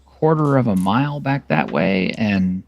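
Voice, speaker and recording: A man narrating a tabletop game as game master, hesitant and halting with frequent fillers. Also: lowish voice, sing-song, gravelly.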